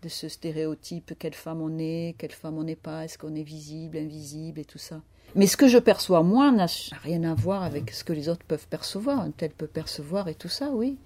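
A woman's voice: deep voice, brisk, dark tone. A woman in her fifties speaking as an author in an interview, reflective and searching for her words. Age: 50s. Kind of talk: interview conversation.

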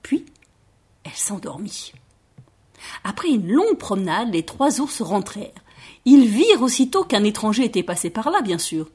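Storyteller for children, woman, slightly husky, lively sing-song delivery. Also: medium pitch. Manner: expressive, playful, drawn-out words. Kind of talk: children's story read-aloud.

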